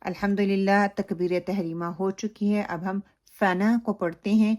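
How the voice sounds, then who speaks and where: A woman's voice: mid-range voice, little pitch movement, darkish tone. Woman teaching Quran recitation. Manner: explains slowly, then recites phrases drawn out. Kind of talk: recitation lesson with model recitation.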